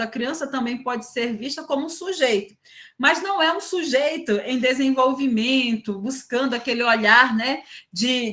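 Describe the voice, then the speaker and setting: A Brazilian woman gives an academic talk with a high, bright-toned voice. She moves between careful lecturing and lively storytelling. She keeps checking in with her listeners through a constant "né". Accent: Brazilian Portuguese. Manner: frequent "né" tags, lively storytelling. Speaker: university lecturer. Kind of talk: academic talk with personal anecdotes.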